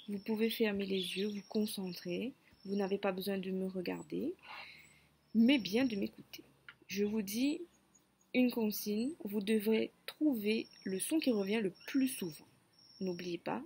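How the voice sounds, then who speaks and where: A woman teacher giving a children's phonics lesson, speaking slowly and clearly and stretching out words for listening games. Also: medium pitch, darkish tone, slight background noise.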